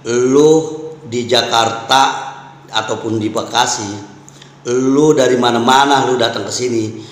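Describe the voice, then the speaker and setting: A man with a Betawi accent, a community elder, answering a caller in a stern, threatening, deliberate way. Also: medium pitch, fairly even intonation. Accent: Betawi Malay. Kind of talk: angry phone-in reply. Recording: roomy reverberant echo.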